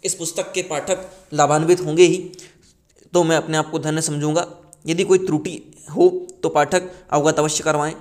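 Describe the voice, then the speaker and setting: Man, reading a book preface aloud, earnest, slightly high voice, flat monotone delivery. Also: moderate pace. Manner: earnest reading with small slips and restarts.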